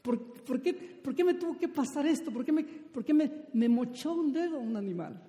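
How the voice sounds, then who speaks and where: An outraged king hurls one complaining question after another, high and loud, as a preacher puts him on. The voice is dark in tone. It echoes with a long reverb through a large hall. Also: lively intonation, normal speed. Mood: indignant. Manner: shouting indignant questions. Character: angry complaining king, grown man.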